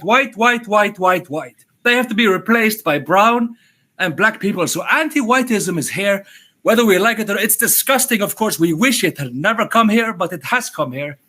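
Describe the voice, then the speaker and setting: A man's voice: on the high side, a bit bright. A man from Norway, calling in and arguing his point insistently. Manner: insistent, lecturing. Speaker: caller. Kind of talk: argumentative speech on a stream.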